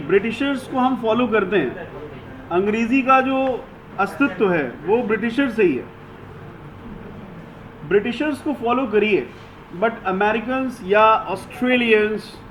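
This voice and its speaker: A man teaching a classroom English lesson, giving slow, deliberate instructions and mixing Hindi with English. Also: high voice, expressive, slight background noise, poor audio.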